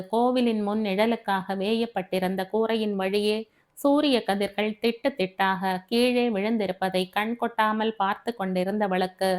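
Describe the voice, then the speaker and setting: A woman reading a family novel aloud as an audiobook narrator, in a steady, expressive storytelling manner. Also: medium pitch.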